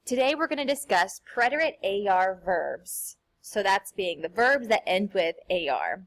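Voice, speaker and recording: Woman, young adult, teacher, upbeat, sing-song, slow careful examples, mid-pitched voice. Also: expressive. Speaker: Spanish teacher. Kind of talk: recorded classroom lesson.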